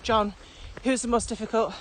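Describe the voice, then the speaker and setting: A British woman with a higher-pitched voice co-hosts a podcast while out walking, speaking at a moderate pace with fairly even intonation. A trainer by profession, she chats casually, asks lots of questions, and acts out quotes. The recording is noisy, full of ambient sound from the walk.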